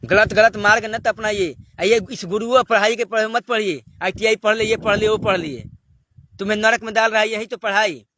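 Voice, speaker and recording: A man preaching a devotional sermon, pressing his listeners with one rhetorical question after another. His voice sits high and sounds bright and clear. A faint hiss runs under the recording. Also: steady tone, normal speed. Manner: exhorting, asks rhetorical questions. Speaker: spiritual preacher.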